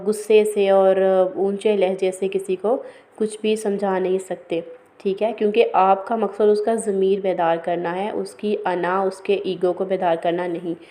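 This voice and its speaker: A woman giving an explanatory lecture on scripture verses, calm and patient. She often checks in with her listeners and mixes English words into her speech. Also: medium pitch. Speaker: religious studies teacher.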